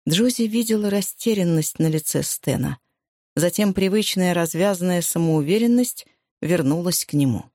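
A narrator reading a novel aloud in an even, measured way. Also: mid-range voice, no echo. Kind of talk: audiobook narration.

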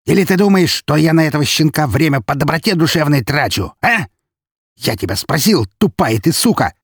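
A man's voice: mid-range voice, expressive, moderate pace, creaky, breathy edge, no room sound, clean studio sound, pitched above the performer's own voice, full character voice. A man voicing a cruel, menacing nobleman who snarls harsh threats and drags out his words. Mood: raging. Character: cruel menacing nobleman count, brutal and cold.

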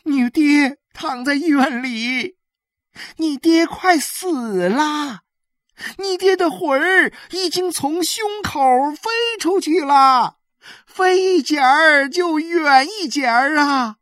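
A woman voicing a desperate village woman who begs and weeps, with drawn-out wailing pleas. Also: high-pitched, a bit bright, no room sound, clean studio sound, voice pushed up. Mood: tearful pleading.

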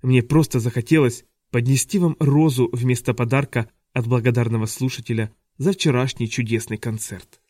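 A man voicing a sinister, sly male villain in disguise who speaks slowly. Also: medium pitch, steady tone, warm tone, no room sound, clean studio sound, far from the mic, close to an everyday voice. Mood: sly serious.

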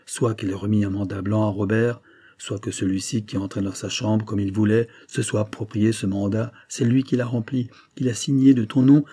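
A man's voice: mid-range voice, mellow, slightly rough. A man reading aloud as a distraught middle-aged banker who speaks in an emotional, pleading way.

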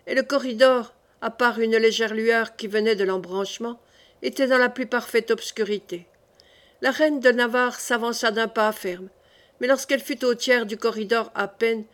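A woman narrating a classic novel in a measured, clear reading style. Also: on the high side. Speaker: audiobook narrator.

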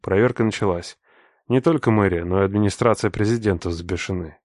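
A man's voice: deep voice, brisk, a little mellow, dry recording, clean studio sound. Man narrating a tense audiobook. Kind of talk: first-person audiobook narration.

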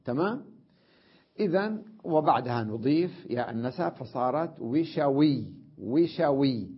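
Husky-voiced man teaching grammar. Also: medium pitch, lively intonation, a little slow. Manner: drills words aloud, often checks understanding with a question. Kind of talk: classroom grammar lesson. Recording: dull lo-fi lecture recording.

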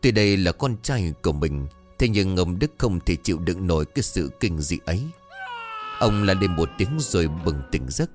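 A man narrating a horror story in an expressive, dramatic storytelling manner. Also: deep voice, moderate pace, soft background music.

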